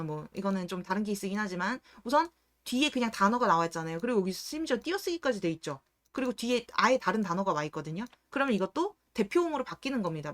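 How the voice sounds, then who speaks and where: A woman explaining Korean pronunciation rules in a lesson. She poses questions to her viewers and answers them herself, and she repeats words slowly to show how they sound. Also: medium pitch. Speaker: reading and debate instructor.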